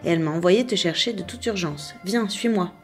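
A woman's voice: on the low side, a little fast, soft background music, lightly acted. A woman voicing a mysterious grey-clad male messenger who speaks urgently and brusquely in a storybook tale.

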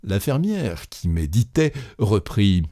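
Slow, expressive male storyteller. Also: lowish voice, no echo, clean studio sound. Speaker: narrator. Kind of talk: reading a classic short story aloud.

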